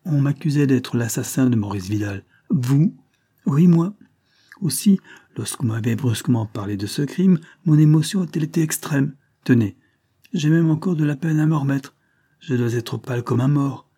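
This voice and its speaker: A man's voice: medium pitch, animated, normal speed, mellow, breathy edge. A man reading a grieving, tearful suspect. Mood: distressed. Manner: heartfelt, mournful, tearful pleading. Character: grieving man, once accused of murder, emotional. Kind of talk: audiobook reading of a novel.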